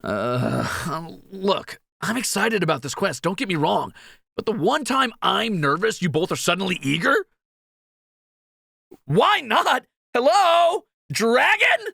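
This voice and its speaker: A man acts a cocky young fantasy thief in audio-roleplay style, swinging animatedly between bragging and jitters, joking and exclaiming readily. His high, bright, raised voice has some creak at the edges, recorded close and dry with no room sound. The heavily acted delivery sounds nervous and incredulous.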